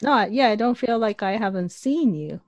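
A woman podcast host chatting casually with a guest, relaxed and quick to laugh. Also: on the high side, dry recording, dull audio. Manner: relaxed, laughs often, brief agreeing replies. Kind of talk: casual interview chat. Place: home studio, recorded in Canada.

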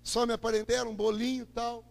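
Male preacher, Brazilian accent, very high gravelly voice, emphatic testimony with loud peaks and low murmurs, echoing church hall. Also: little pitch movement, fast talker. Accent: Brazilian Portuguese. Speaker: preacher giving his testimony. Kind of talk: impassioned testimony sermon. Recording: echoey hall with long reverb.

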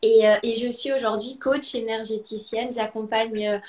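A woman from Alsace, France, a guest in a live online interview, speaking softly and hesitantly with many fillers. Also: on the high side, steady tone, moderate pace, reverberant.

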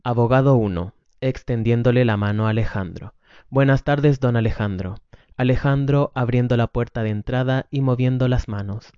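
A man's voice: mid-range voice, normal speed, few pauses, smooth, no echo. A man reading a drama script aloud, giving the stage directions plainly and matter-of-factly, on a dull lo-fi recording. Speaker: script reader.

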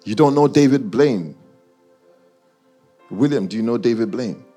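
Talking to a live crowd and online viewers, this London-accented man keeps things casual and slangy, teasing his listeners along the way. Nigerian by origin, he grew up partly in Guyana and was schooled in the UK. His mid-range voice is husky and dark-toned at a measured pace, with faint music in the background.

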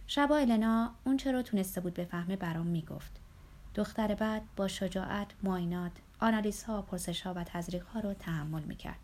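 A woman reading a first-person novel aloud as an audiobook narrator, in a steady, measured way. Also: medium pitch.

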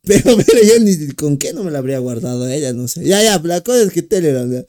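A man co-hosting a casual podcast, animated and storytelling. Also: fairly high pitch, fast talker. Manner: animated storyteller, voices himself and his partner. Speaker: podcast co-host. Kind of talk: casual chat.

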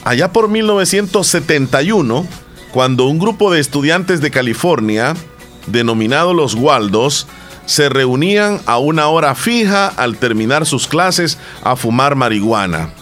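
Playful show host. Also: male voice, on the high side, lively intonation, moderate pace, a bit bright, soft background music. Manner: playful, laughs at himself. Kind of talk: casual chat show.

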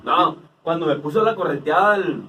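A man's voice: fairly high pitch, normal speed, pushed and bright, recorded from a distance, slight background noise. A man with a Mexican accent, a podcast host, joking in crude slang and telling stories. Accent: Mexican Spanish. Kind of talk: casual banter.

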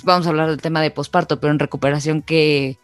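A woman's voice: deep voice, steady tone, fast, clean tone, no echo, soft background music. A young Mexican woman co-hosting a podcast, telling a personal story in a chatty casual way. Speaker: podcast co-host. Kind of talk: casual chat.

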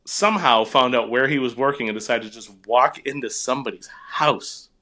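A man's voice: medium pitch, brisk, pushed and bright. New England man, podcast co-host, loose storyteller who laughs a lot and swears freely. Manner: laughs often, storytelling with profanity. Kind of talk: casual chat.

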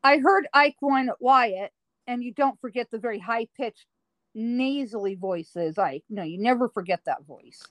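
A woman guest telling a personal story in an interview, slow and dramatic with drawn-out emphasis. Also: on the high side, fairly bright tone, no room sound, poor audio. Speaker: guest recounting paranormal experiences.

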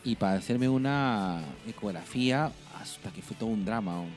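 A man's voice: on the low side, moderate pace, soft background music. A man with a Peruvian accent chatting casually as a podcast co-host, swearing often and laughing through his stories. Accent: Peruvian Spanish. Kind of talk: casual chat.

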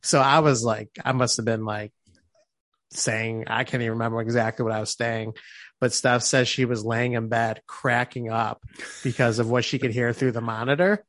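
A man's voice: medium pitch, little pitch movement, normal speed, fairly bright tone, dry recording. A young man co-hosting a podcast, telling candid, profane stories about being a new parent. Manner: candid storytelling, swears freely. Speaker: podcast co-host. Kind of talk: casual chat.

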